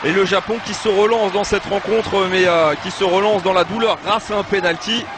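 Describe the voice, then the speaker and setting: A man giving live football match commentary, with excited exclamations when play heats up. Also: high-pitched, moderate pace. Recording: noisy live match broadcast.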